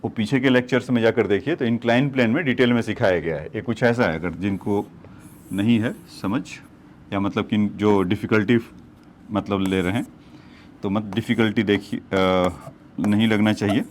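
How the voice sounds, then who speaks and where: In a whiteboard lecture, a physics teacher with a lowish voice solves problems step by step at a moderate pace, addressing his students as "children." Slight background noise can be heard.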